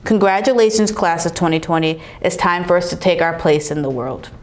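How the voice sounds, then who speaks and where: A young woman, class president, delivering a prepared commencement speech to her graduating class in an earnest, measured way. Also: on the low side, a little hiss or hum. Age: young adult. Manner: earnest, measured, reads a list-like speech with pauses. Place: studio in front of a backdrop, indoors.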